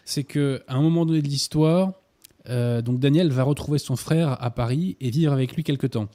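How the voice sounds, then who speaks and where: Polite man with a very dark voice. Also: mid-range voice, normal speed. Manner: polite, formal address. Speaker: radio show host. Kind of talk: casual conversation about a novel.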